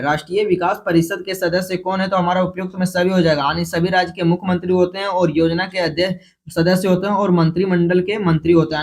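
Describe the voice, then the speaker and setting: Fast-talking high-voiced Hindi quiz teacher. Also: male voice, gravelly. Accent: Jharkhand Hindi. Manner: repeats each question, then announces the option letter; hurried, with frequent restarts and self-corrections. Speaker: exam prep teacher. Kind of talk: quick-fire multiple-choice quiz review.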